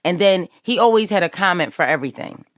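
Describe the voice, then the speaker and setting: A woman hosting a podcast, telling crime stories in a casual, animated way and acting out what people said. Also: fairly low pitch, quick pace, no room sound, clean studio sound. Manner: animated storyteller, acts out quotes. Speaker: podcast host. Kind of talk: casual true-crime chat.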